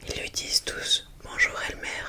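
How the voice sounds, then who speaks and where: An ASMR host reading a children's picture book aloud in a hushed library whisper, with gentle phrasing and small asides to listeners. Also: normal speed.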